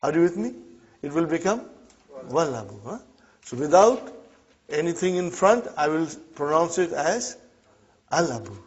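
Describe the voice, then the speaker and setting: A man with a slightly high voice and lively intonation speaks at a normal speed. Not a native Arabic speaker himself, he teaches an Arabic class and keeps checking in with students using "huh?" and "okay?". The classroom lesson comes through as a dull, lo-fi recording.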